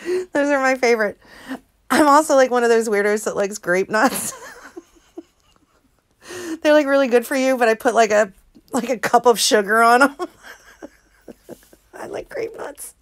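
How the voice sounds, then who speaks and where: A woman's voice: fairly high pitch, normal speed, pauses often, clean tone. A woman in her forties vlogging in a casual, rambling way, giggling and mocking herself as she tells a family story. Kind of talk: casual chat, reading out messages.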